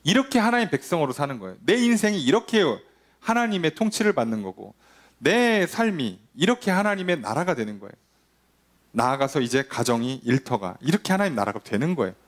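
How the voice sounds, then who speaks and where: Man, pastor, sermon, rhetorical questions, somewhat high pitch, very animated intonation. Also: a little fast. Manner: lively preaching, acts out quoted voices, rhetorical questions.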